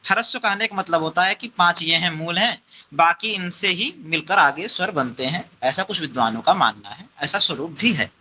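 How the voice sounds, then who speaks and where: Bright-voiced man teaching Sanskrit grammar. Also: high-pitched, slight background noise, poor audio. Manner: explains step by step, repeats terms, asks the class questions. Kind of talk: classroom lecture.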